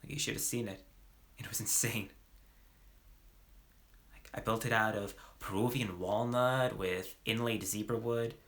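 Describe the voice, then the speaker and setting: A man's voice: lowish voice, fairly even intonation, measured pace, long pauses, fairly bright tone. A man playing Jesse Pinkman, slangy and hesitant. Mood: earnest. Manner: hesitant, slangy, full of fillers and restarts. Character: young male ex-drug dealer, slacker gone remorseful. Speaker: actor. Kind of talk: dramatic monologue performance.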